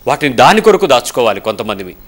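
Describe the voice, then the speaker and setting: A male pastor giving a lively sermon, firing rhetorical questions and acting out voices of the people in his stories. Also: medium pitch, fast.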